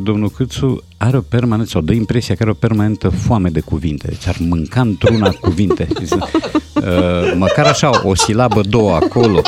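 A man's voice: on the low side, darkish tone. A man commenting wryly on speech errors in casual studio chat. He laughs often and explains points of grammar. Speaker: language commentator.

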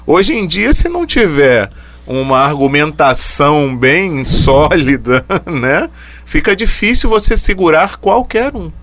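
Man thinking aloud, lively pitch. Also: unhurried, a little hiss or hum. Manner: thinks aloud with hesitant restarts and frequent tag questions. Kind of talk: casual reflective conversation.

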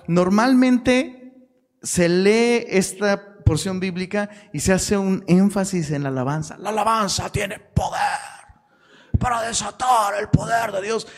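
Mexican guy preaching bible study, slangy and lively, kinda high voice, echoey hall. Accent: Mexican Spanish. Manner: lively, slangy, with sudden shouted emphasis and quick asides. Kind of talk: casual Bible-study sermon.

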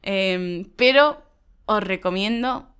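A woman from Spain, co-hosting a lesson and explaining slang to learners in a lively, emphatic way. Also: medium pitch, slow pace, clean tone. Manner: lively, emphatic, laughs often. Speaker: Spanish teacher and co-host.

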